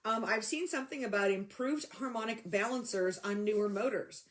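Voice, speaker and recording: A woman's voice: on the high side, fairly quick. A woman co-hosting a casual chat, talkative and laughing often, her voice a little worn. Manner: chatty, laughs often, many fillers and restarts. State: slightly losing her voice. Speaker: podcast co-host.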